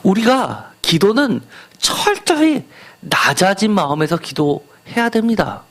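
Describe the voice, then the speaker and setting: A man's voice: high-pitched, sing-song, slow, fairly bright tone. A man preaching a sermon as pastor, putting rhetorical questions to the congregation.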